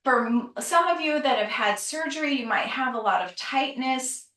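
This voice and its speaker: A woman yoga teacher leading a calm grounding exercise, gently and soothingly cueing breath and movement. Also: sits high. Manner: gentle, soothing, unhurried instruction. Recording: roomy echo, distant microphone.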